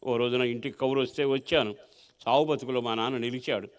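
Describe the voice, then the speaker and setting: A male pastor telling his life story in a sermon, asking rhetorical questions and swinging between strong and soft feeling. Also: mid-range voice, steady tone, fairly quick, clear, resonant tone. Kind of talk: sermon testimony.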